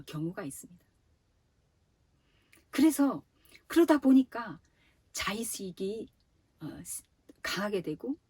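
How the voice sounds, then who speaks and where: A woman gives a youth sermon in a soft, mellow voice with some breath in it. She talks straight to her young listeners in a lively teaching way. Her voice sounds dry and close to the mic. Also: mid-range voice, husky, no echo. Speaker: youth ministry preacher. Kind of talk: sermon to teenagers.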